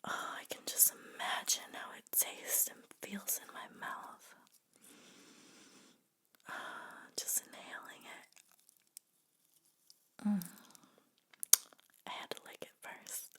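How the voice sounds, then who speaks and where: Woman, soft whisper, unhurried, mouth sounds, teasing asides, close mic. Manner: playful, self-mocking asides. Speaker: host of her own show. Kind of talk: ASMR.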